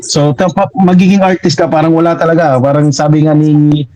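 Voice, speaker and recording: Animated Filipino man telling stories. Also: a little high, fairly quick, no room sound, poor audio. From Mindanao, Philippines. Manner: animated, lively storyteller. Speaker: guest comic artist. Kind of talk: casual storytelling.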